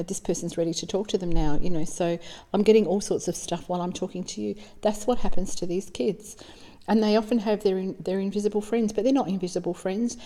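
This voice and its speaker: An Australian woman, a psychic medium, giving an informal spiritual talk in a chatty, storytelling way. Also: medium pitch. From South Australia. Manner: warm storytelling, chatty with fillers. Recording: long reverb.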